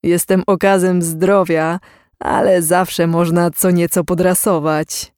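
A narrator voicing a gentle, evasive young man who talks hesitantly about his past, in an audiobook reading. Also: high-pitched, level tone, clean tone, dry recording, clean studio sound. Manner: hesitant, slow, sparing with words.

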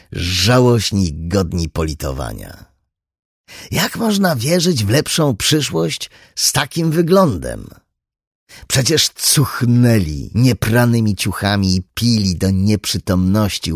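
A man narrating an audiobook in an expressive, dramatic reading style. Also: low-pitched, dry recording, clean studio sound. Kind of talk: scripted narration.

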